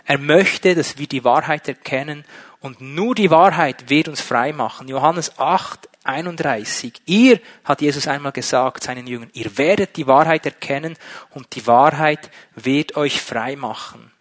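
A man's voice: a little high, measured pace, a bit bright. Emphatic man preaching a sermon. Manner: emphatic, with rhetorical questions.

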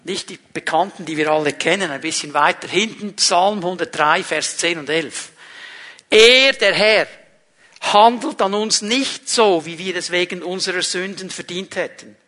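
A man preaching a sermon to a congregation, earnest and emphatic, moving between loud stresses and quiet passages. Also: sits high, moderate pace.

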